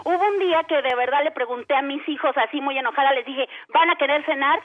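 A woman's voice: sits high, fast talker, phone-quality sound. A Mexican woman comedian telling punchy jokes in a stand-up joke battle on a radio broadcast.

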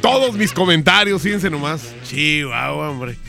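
Over music, a radio host interrogates a caller in a confrontational prank call, pushing hard for answers. His voice is on the high side, animated and creaky, and he keeps a measured pace.

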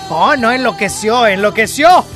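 Locutora mexicana aguda y efusiva. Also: female voice, on the high side, normal speed. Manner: excitable, exclamatory, chatty. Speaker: radio host. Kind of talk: lively radio chat over music. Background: music underneath.

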